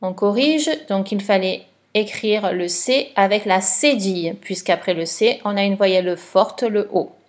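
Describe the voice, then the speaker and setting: Slow, patient woman teacher. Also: mid-range voice. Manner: patient, clear, spells letters one by one. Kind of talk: slow dictation lesson for a child.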